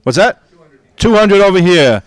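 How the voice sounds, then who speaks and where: A man working as an auctioneer at a convention, calling out bids in an upbeat, coaxing, rapid-fire way. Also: high-pitched, expressive, dry recording. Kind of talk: live auction bid calling. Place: gaming convention event.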